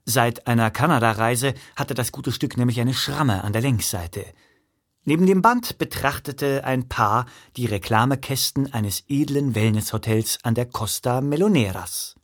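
Brief: male narrator for a comic audiobook, wry and lively in pitch. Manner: expressive, wry storytelling.

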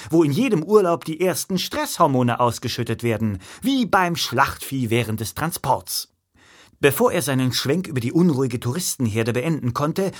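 Brief: male narrator for a comic audiobook, wry and lively in pitch. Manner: expressive, wry storytelling.

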